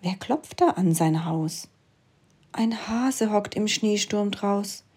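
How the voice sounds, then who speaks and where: A woman reading a rhyming children's story aloud, dropping into soft whispers for suspense. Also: mid-range voice, slow pace, noisy background.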